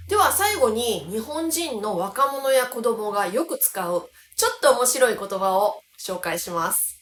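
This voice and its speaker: A woman from the Kansai region of Japan, a language teacher giving an explanatory lesson and slowing down to stress key words. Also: on the high side, a bit bright. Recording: roomy echo.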